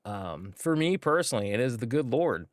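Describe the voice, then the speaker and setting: At normal speed and in a sing-song, medium-pitched voice, an American man livestreams a game with laid-back, rambling commentary full of fillers. It's studio quality, with no room sound.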